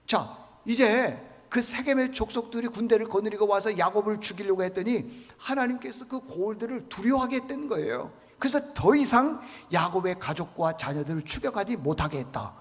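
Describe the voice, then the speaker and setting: A man's voice: sits high, expressive, normal speed, long reverb tail. A male pastor preaching a sermon emphatically, asking rhetorical questions and repeating key words. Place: church sanctuary.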